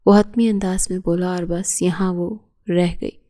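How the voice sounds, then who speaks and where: A woman narrates a romantic audio novel with a steady storytelling read. Her pitch stays flat and even, and her tone is soft and mellow.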